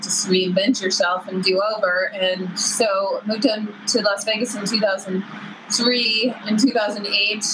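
A woman's voice: medium pitch, noisy background. A woman in her fifties telling personal stories in a conversational way as an interview guest. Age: 50s. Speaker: guest, cycling team staff.

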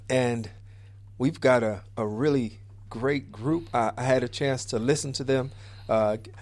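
A man hosting a casual radio interview, often repeating words as he starts his phrases. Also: mid-range voice. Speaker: radio show host.

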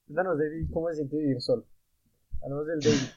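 A young man hosting a casual podcast chat, telling animated stories full of swearing. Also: on the high side, fast talker, no echo, dull audio. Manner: animated crude storyteller, swears a lot. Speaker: podcast host.

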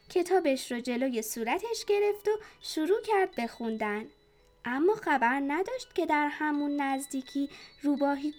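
Storyteller, woman, bright high voice, expressive children's narration, soft music bed. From Iran.

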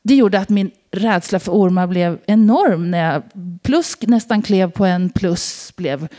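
A woman's voice: mid-range voice, dark tone. A woman from Sweden giving an informal sermon, telling personal stories and asking the congregation questions. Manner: conversational, asks the audience questions. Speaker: preacher.

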